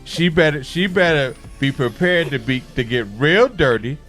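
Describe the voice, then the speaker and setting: A man's voice: a little high, animated, moderate pace, a bit bright, faint music behind. A man co-hosting a radio show with casual, unfiltered banter and slangy, emphatic talk.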